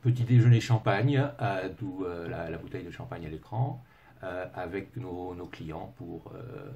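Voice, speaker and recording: The recording is muffled as a middle-aged English consultant, low-pitched and dark in tone, presents a webinar at a measured pace. He speaks French as a second language with an English accent, hesitating with many fillers and restarts while dropping in dry, self-mocking remarks.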